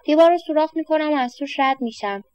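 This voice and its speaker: A woman voicing an earnest young boy, polite, stubborn, higher voice, dry close sound. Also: a little mellow, dry recording, dull audio, natural voice.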